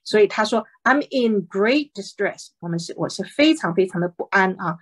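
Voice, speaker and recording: A woman teaching a Bible lesson, reading English verses slowly and explaining them in Mandarin, verse by verse. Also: medium pitch, expressive, breathy edge, dry recording.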